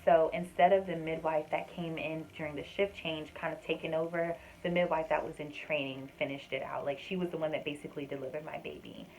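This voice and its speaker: Low-voiced woman telling a story casually. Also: steady tone, fairly quick, creaky, few pauses, a little mellow, slight background noise, rough recording. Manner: chatty, many "um" and "like" fillers, addresses viewers as "y'all". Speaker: vlogger sharing her birth story.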